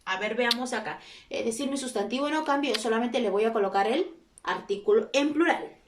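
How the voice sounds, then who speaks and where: Woman teacher explaining grammar step by step, slightly high voice, sounds a bit far from the mic. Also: fairly quick, noisy background. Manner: patient, checks in with frequent tag questions. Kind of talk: recorded grammar lesson. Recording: echoey room, speaker away from mic.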